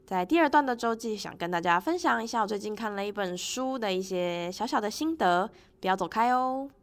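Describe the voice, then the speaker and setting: A woman's voice: medium pitch, animated, brisk. Chatty woman hosting a casual podcast. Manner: laughs often while talking. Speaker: podcast host. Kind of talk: casual personal podcast monologue, chatty book review.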